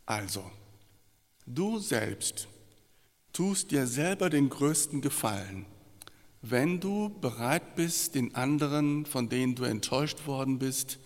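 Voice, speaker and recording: Male preacher, impassioned sermon delivery, slow measured pace, hall reverb. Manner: impassioned, swings between loud emphatic peaks and quiet low phrases.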